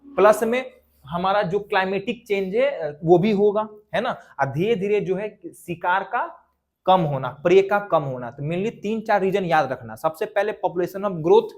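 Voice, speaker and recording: A man teaches an exam revision lesson. His voice sits fairly high for a man. He drills the class by repeating lists aloud and quizzing them as he goes. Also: expressive, measured pace.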